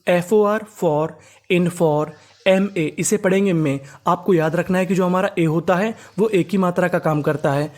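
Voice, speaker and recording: A man teaching a reading class. He spells words out letter by letter, repeats them slowly, and keeps asking the class rhetorical questions. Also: high-pitched, a little mellow. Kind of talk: classroom-style reading lesson.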